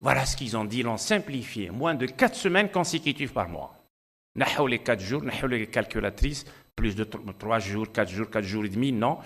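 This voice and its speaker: Algerian-accented man lecturing, fairly low voice. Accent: Algerian French. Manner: anecdotal, hesitant with many fillers. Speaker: ENT doctor giving a conference talk. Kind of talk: conference lecture.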